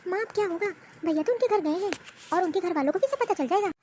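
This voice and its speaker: A woman doing a shrill anxious young girl. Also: expressive, fast, warm tone, slight background noise. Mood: worried. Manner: shrill, worried. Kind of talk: animated cartoon voice acting.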